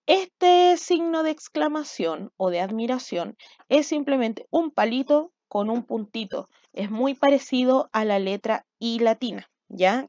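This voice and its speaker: A woman's voice: high voice, a little mellow, no echo. A woman teacher with a Chilean Spanish accent, giving a recorded lesson to young children, patient and often checking that they follow. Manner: patient, checks understanding with frequent "¿ya?". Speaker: primary school teacher. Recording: dull, dry lo-fi home recording.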